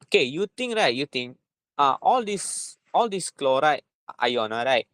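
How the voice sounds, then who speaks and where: A man with a Malaysian accent teaches informally at a middling pitch. He circles back over his points and tags them with short check-in particles. The sound is close and dry, with very little room in it. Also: big pitch swings, measured pace, a bit bright, no echo. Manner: repetitive, punctuating with "right?" and "lah". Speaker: chemistry tutor. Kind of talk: informal spoken lesson.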